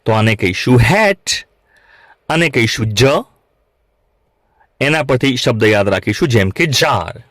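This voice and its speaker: A man teaching English phonics to beginners, saying each sound slowly and asking learners to repeat it back. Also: mid-range voice, expressive, a bit bright, no room sound. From Gujarat, India. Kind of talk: classroom lesson for beginners.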